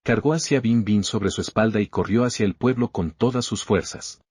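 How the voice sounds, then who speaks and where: A man with a low, husky voice tells an action story in a steady, even manner. His voice is recorded dry and close, with no room sound behind it. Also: normal speed, no room sound. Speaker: narrator. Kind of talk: scripted story recap narration.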